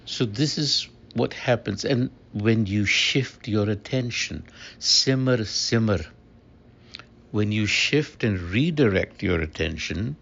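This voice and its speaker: A man teaching and explaining a scripture passage in a measured, slow way, repeating key words for emphasis. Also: on the low side, vocal fry, fairly bright tone, muffled recording.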